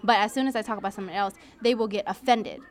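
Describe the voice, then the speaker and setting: A woman's voice: medium pitch, steady tone, fast. A woman in her twenties, a nail technician, talking frankly and confidently in a casual interview in a nail salon. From United States. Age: 20s.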